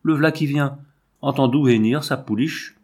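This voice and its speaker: A man's voice: mid-range voice, normal speed, darkish tone, husky, voice pushed up, lightly acted. A man voicing a sly, sarcastic old shepherd with sorcerous powers in an audiobook, speaking in a mocking and ominous tone. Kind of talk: audiobook character reading.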